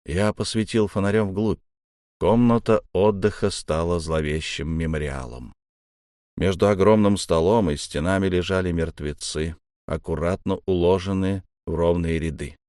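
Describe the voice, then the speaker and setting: Low-voiced man narrating an audiobook. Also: normal speed, darkish tone, clean tone, dry recording, studio quality. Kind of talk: first-person audiobook narration.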